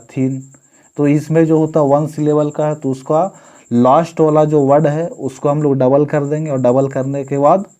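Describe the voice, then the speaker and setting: A man teaches English grammar in a patient classroom manner, reading each word in a list out on its own. His voice sits a little high for a man, with a soft, mellow tone. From India. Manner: explains slowly, reads word lists out one by one. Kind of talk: classroom-style grammar lesson.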